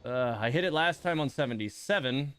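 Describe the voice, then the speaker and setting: Grumbling and sighing with some mild swearing, this man reacts casually to his gameplay on a livestream. He speaks fairly quickly in a medium-pitched, smooth voice with a fairly bright tone and lively intonation.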